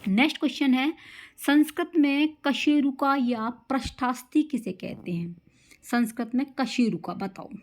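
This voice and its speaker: A woman's voice: sits high, normal speed. Female teacher, quizzing exam-prep lesson, close mic. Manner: quizzing, drills answers with catchphrases.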